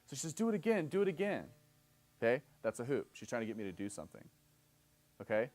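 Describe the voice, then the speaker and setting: A mellow, very animated man in his thirties talks fast at a medium pitch while giving a live seminar lecture. He explains things step by step, often checks in with "okay?", and acts out both sides of example dialogues.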